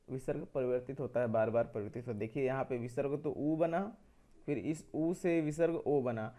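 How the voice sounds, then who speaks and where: A man's voice: a little high, mellow. A man teaching a grammar lesson, explaining step by step, asking questions and answering them himself, and repeating key points.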